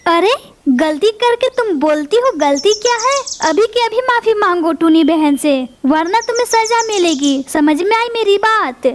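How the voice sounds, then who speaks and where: A woman's voice: very high voice, lively intonation, a little slow, slight background noise. A woman doing a stern scolding bulbul bird. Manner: lecturing, firm and scolding. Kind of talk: cartoon voice acting.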